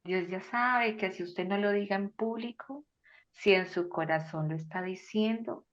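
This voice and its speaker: A woman, a guest on a faith podcast, talking animatedly and acting out quoted voices with sudden loud exclamations. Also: mid-range voice, moderate pace, lo-fi sound. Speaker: guest speaker. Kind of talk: faith-based podcast conversation.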